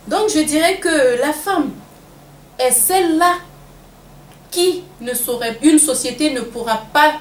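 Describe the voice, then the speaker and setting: A woman's voice: high voice, takes it slowly, long pauses. A woman with a Malian French accent answering interview questions in an earnest, emphatic way, repeating phrases for weight. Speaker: interview guest. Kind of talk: interview answers on women in politics. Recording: echoey room with faint background noise.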